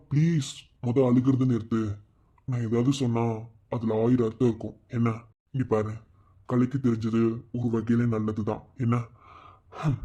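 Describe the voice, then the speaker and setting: A man voicing a calm cartoon husband who soothes his worried wife on the phone. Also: medium pitch, slightly rough, natural voice. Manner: steady, soothing, firm. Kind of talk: cartoon voice acting. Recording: dull lo-fi sound.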